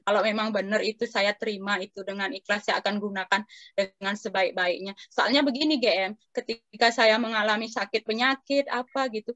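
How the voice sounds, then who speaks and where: A woman's voice: mid-range voice, fairly even intonation, a little fast, a bit bright, no room sound, rough recording. A woman in casual conversation, telling a personal experience to her teacher, hesitant and respectful, with many fillers and restarts. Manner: respectful, keeps addressing the teacher. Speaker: participant asking the teacher.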